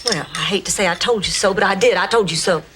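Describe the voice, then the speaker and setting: A woman's voice: mid-range voice, fast, lightly acted. A woman playing a vain, flirtatious middle-aged sitcom character who talks in a playful, teasing way. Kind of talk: sitcom acting. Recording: noisy track.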